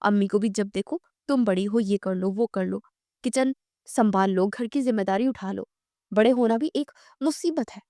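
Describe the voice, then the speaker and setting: A woman's voice: medium pitch, moderate pace, dark tone, no echo, clean studio sound, lightly acted. A woman voicing a spirited teenage girl who grumbles, bosses her sister and sulks. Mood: complaining. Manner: grumbling, bossy and petulant.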